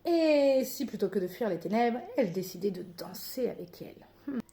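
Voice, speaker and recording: A woman with a French accent chatting excitedly about books as she unboxes them, laughing often and reading the blurbs aloud. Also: medium pitch, normal speed, a little hiss or hum. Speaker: book vlogger. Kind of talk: casual unboxing chat.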